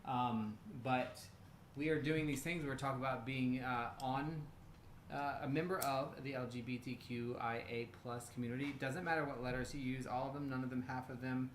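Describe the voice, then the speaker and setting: A man's voice: mid-range voice, fairly even intonation, moderate pace. An American man co-hosting a casual livestream, rambling and bantering as he goes. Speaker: co-host. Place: indoor room. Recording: roomy echo, faint background noise.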